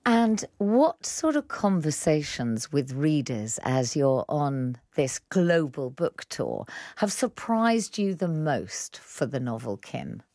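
A woman presenting a radio arts programme, interviewing a guest and reading links with a polished, measured delivery. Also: low voice, big pitch swings, darkish tone, dry recording, studio quality.

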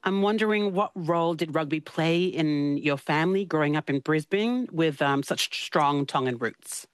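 A woman's voice: low voice, moderate pace, dry recording, studio quality. A woman hosting a radio interview, with a polished scripted intro and friendly, curious questions.

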